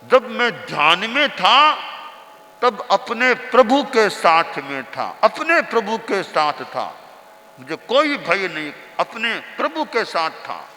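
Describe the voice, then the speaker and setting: A man voicing a calm old male guru who speaks softly and without hurry. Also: sits high, slow pace, big-room sound, a little hiss or hum, full character voice. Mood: serene.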